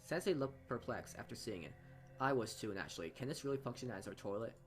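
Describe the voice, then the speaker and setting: A man reads a visual novel aloud for a gaming video, speaking fast and expressively at medium pitch. Casual asides pepper his reading, and he often trips on or repeats words. Game background music accompanies him.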